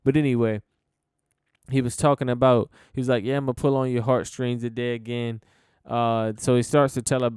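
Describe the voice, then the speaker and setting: A man's voice: medium pitch, a little mellow, smooth, no room sound, clean studio sound. A young American man hosting a casual solo podcast, rambling and laid-back with many fillers and restarts, swearing casually. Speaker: podcast host.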